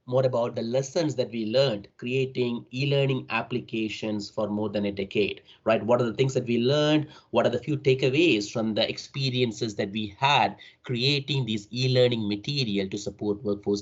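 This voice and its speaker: A middle-aged man with a South Indian accent presents academic material over an online call, speaking at medium pitch and a moderate pace. He is a university faculty member who frequently tags his sentences with "right?" The call audio sounds dull and band-limited.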